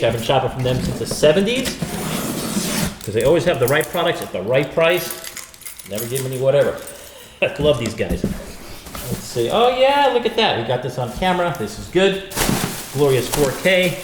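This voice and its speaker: A man's voice: medium pitch, expressive, normal speed, pauses often. Man in a big echoey room, chatty. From United States. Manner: chatty, exclamatory, wisecracking. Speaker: host and gear reviewer. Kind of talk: casual unboxing commentary. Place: untreated echoey room indoors. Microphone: stereo pair of studio microphones. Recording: big echoey room, clear reverb, faint noise.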